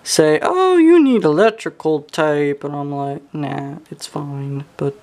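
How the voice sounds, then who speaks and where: Working at a bench indoors, a young hobbyist repairer talks himself through the job in a casual, hands-on way, full of exclamations and offhand swearing. He sounds a little high-pitched and a little mellow, animated yet slow in pace.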